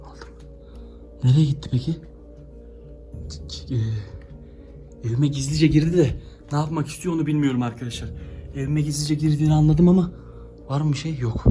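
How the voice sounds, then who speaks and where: A high-voiced man talks quickly and dramatically to his viewers. He swings from loud excitement to hushed whispers. Faint music plays behind him. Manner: breathless and dramatic, often dropping to hushed whispers. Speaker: vlogger. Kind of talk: excited vlog narration.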